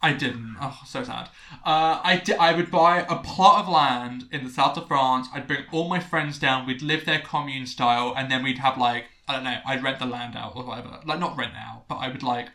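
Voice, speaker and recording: A man's voice: mid-range voice, moderate pace, sharp tone, roomy sound. A young man in casual chat, rambling and correcting himself, swearing now and then.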